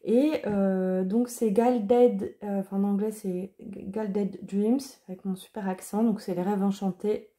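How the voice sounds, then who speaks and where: A woman's voice: mid-range voice, fairly even intonation, a little slow, few pauses, mellow. A woman chatting casually as she shows card decks, with many fillers and restarts. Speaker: card reader and deck reviewer. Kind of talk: casual chat.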